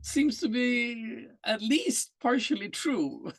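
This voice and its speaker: An older man from Guatemala, a guest in a casual video interview, speaking in a measured, reflective way. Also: very high voice, animated, creaky, no echo.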